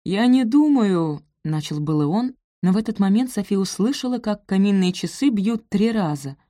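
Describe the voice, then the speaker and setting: A woman narrating a romance novel in a smooth, even reading voice. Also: mid-range voice, a little fast, no room sound, clean studio sound. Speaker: audiobook narrator.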